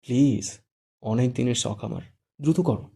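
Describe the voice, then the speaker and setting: A man's voice: mid-range voice, normal speed, creaky, mellow, slightly rough. A man doing a cocky, teasing young man. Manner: cool, teasing and playful.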